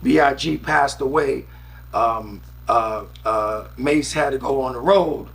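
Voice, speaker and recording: A man's voice: mid-range voice, takes it slowly, gravelly, fairly bright tone. A middle-aged man, a radio DJ from Harlem, telling stories in a casual interview with lots of ums and restarts. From Harlem, New York City. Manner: rambling storyteller, frequent ums and restarts. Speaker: radio DJ and guest.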